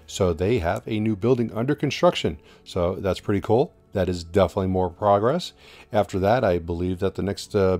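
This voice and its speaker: A man narrates over drone footage for his channel. His voice sits somewhat low, and his delivery is casual and unhurried, with the odd "uh" as he goes. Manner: relaxed, plain update with filler words. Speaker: channel host.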